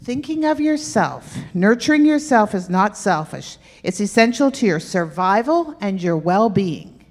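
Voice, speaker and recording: A woman's voice: mid-range voice, sing-song, unhurried, darkish tone. A woman giving an interactive health talk, playfully quizzing her audience with questions. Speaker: health workshop presenter. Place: church hall with stage and aisle. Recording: echoey hall.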